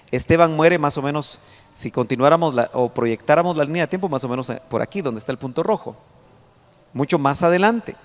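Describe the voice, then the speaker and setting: Lively male pastor in a reverberant hall. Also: a little high. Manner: explains verses slowly, pointing at a chart; reads scripture aloud with rising emphasis. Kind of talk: Bible study sermon.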